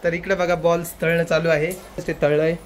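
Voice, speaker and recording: A man's voice: fairly high pitch, level tone, normal speed, background noise. Playful father vlogging from home. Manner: playful, coaxing with a small child, chatty aside to viewers. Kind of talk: casual home vlog chat. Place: home kitchen, indoors.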